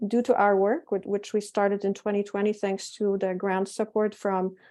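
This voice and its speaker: A middle-aged woman with a Polish accent gives a lecture presentation in a warm, mellow voice. Her pitch sits in a normal middle range. She speaks haltingly, often restarting and correcting herself. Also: flat delivery. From Poland. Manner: halting, with frequent self-corrections and fillers. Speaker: presenter, physician and project curator.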